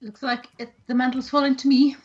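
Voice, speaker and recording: A woman's voice: high voice, flat delivery, fairly quick. A woman from Galway with a west of Ireland accent, introducing herself and answering as a quiz contestant. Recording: dull, lo-fi remote link.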